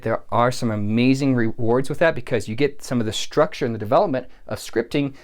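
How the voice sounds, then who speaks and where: A man coaching public speakers in an earnest, encouraging way, often restarting and repeating words as he talks. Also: medium pitch. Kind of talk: coaching video talk to camera.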